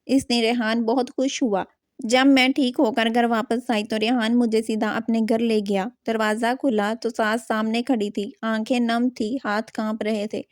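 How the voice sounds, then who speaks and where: A woman reads a romantic novel aloud as a storyteller, keeping a steady, even pace. Her voice sits a little high. The sound is dry and close, with no room around it. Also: no echo.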